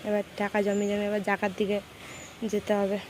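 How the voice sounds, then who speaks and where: A lifestyle vlogger and homemaker, hot and sweaty, chats casually through her daily chores around a rented village home, both indoors and out. She speaks softly in a hushed, fairly quick, monotone voice at a middling pitch, with no strain or drama. A faint hum of outdoor noise sits in the background.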